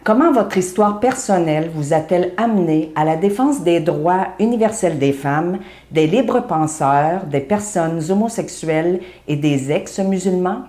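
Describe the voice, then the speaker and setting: A woman's voice: lowish voice, expressive, measured pace, mellow. A woman formally reading prepared interview questions to a guest. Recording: echoey room.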